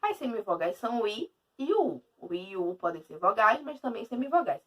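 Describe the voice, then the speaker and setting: A woman teacher with a Brazilian Portuguese accent giving a video lesson in an emphatic, lively way. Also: mid-range voice, a little fast, husky, distant mic.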